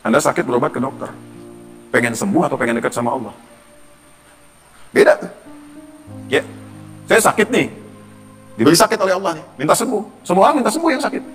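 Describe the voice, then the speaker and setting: A man's voice: on the high side, sing-song, fairly quick, pauses often, fairly bright tone, faint music behind. A male Islamic preacher giving a conversational sermon, often asking the audience rhetorical questions.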